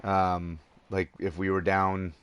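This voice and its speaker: A man's voice: deep voice, flat delivery, slow pace, clean tone. A tired man rambling through casual gameplay commentary, chuckling at himself and hesitating often. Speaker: let's play gamer.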